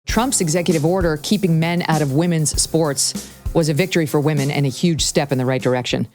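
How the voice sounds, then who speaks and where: A woman hosting an interview show, reading ads and asking brisk, direct questions. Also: low voice, darkish tone, soft background music. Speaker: host.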